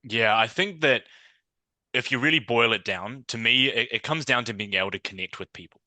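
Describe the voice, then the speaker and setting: Speaking briskly in a bright, pushed, medium-pitched voice, a New Zealander fields questions on a podcast as an interview guest. The recording is dry, and he's reflective and conversational, often using fillers and restarting his sentences.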